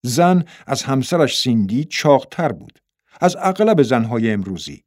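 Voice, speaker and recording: A man's voice: medium pitch, big pitch swings, a little mellow, dry recording. Man narrating a story in a dry booth. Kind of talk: audiobook narration.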